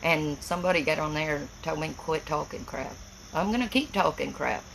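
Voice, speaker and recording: A woman from Tennessee with a gravelly voice and an Appalachian accent, chatting casually and plainly on a livestream in a folksy, rambling way. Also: low-pitched, lively intonation, fairly quick, a bit bright, slight background noise, low-quality recording. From Tennessee, United States. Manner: folksy, plain-spoken, rural speech. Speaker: livestream host.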